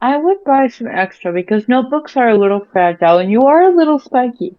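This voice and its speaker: A woman's voice: on the high side, animated, a little fast, no echo. A woman playing a tabletop game, casually role-playing and narrating, often hesitant and repeating words. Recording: dry, slightly dull microphone sound.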